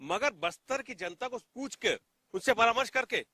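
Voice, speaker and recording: Male panelist, high and bright, rapid heated delivery. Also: animated, dry recording, studio quality. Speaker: debate panelist, opposition side. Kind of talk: TV news debate argument.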